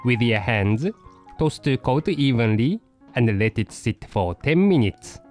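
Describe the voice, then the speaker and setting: A man voicing a poodle dog who hosts a cooking show, narrating a recipe in slow, deliberate steps. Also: mid-range voice, expressive, a little mellow, soft background music, close to an everyday voice, poor audio. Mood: patient. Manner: slow, deliberate step-by-step instructions.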